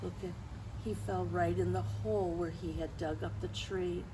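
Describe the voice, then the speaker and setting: Reading a picture book expressively at a children's storytime, a woman host pauses to put questions to her young listeners. Her voice is fairly low and steady at a normal speed, and the background is clearly noisy.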